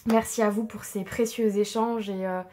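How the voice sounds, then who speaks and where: A woman's voice: mid-range voice, level tone, moderate pace. A woman doing a casual tarot card reading for her viewers, chatty and reassuring with many fillers. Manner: chatty, warm and reassuring, frequent fillers and soft laughs. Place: home room, with a tripod-mounted camera.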